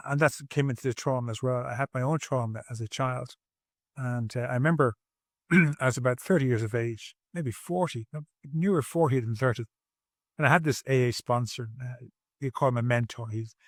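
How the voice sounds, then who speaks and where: A man's voice: mid-range voice, dry recording. Earnest man in his sixties, dry sound. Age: 60s. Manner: earnest and reflective, with frequent restarts. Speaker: podcast guest. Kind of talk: personal storytelling in conversation. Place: his home.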